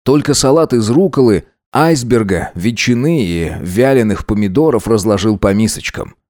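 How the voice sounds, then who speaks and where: A man reading the narration of an audiobook in a steady, expressive storytelling voice. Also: lowish voice, normal speed, no echo, clean studio sound.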